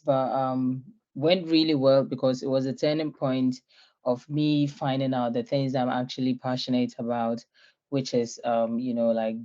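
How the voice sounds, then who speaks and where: A woman's voice: a bass voice, a little mellow, highs cut off. A young woman from Ghana, a guest in an online interview, introducing herself in a friendly way with many filler sounds and easy laughter.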